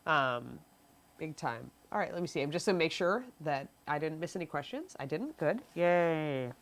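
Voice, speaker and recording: During a live painting tutorial, a young miniature painting instructor, stuffy and sniffling from allergies, chats away, reads viewers' questions aloud and answers with frequent ums. Her voice is low-pitched with lively intonation at a moderate pace.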